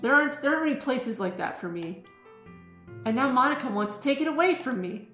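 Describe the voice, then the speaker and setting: A woman's voice: high-pitched, lively intonation, brisk, fairly bright tone. A woman voicing a blunt, defensive teenage schoolgirl in an amateur visual novel reading, emphatic and petulant. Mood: indignant, hurt. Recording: roomy sound, music behind.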